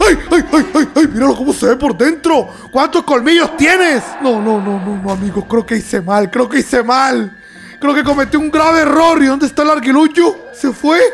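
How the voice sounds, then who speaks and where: A young man commenting on a horror video game in an excitable way, yelping, laughing and talking straight to his viewers. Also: very high-pitched, normal speed, vocal fry. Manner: excitable, yelps and laughs, talks to viewers as "amigos". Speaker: gaming YouTuber.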